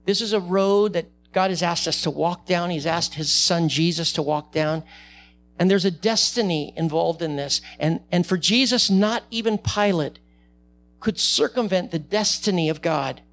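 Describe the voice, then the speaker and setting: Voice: mid-range voice, normal speed, a bit bright, slight background noise. A pastor preaching a sermon and reading scripture aloud, repeating key phrases for emphasis and asking the listeners rhetorical questions.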